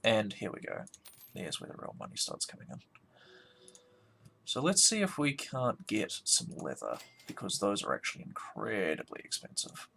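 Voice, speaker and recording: A man's voice: on the low side, huge pitch swings, normal speed, gravelly, sharp tone, a little hiss or hum. A tired man talking casually through a strategy game he is playing, thinking aloud and yawning now and then. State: sleepy, yawning. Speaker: let's play host. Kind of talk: casual gameplay commentary.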